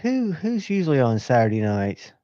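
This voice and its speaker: A man's voice: mid-range voice, very animated, moderate pace, warm tone, no room sound, dull audio. A man hosting a casual live stream, rambling and talking to himself as he checks his screens. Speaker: livestream host.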